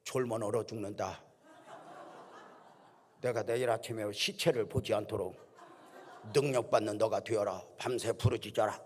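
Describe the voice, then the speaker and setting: A man acting out a stern, fierce senior pastor who barks gruff orders, in a church hall with long reverb. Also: fairly low pitch, steady tone, normal speed, long pauses, darkish tone, close to an everyday voice. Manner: gruff, commanding.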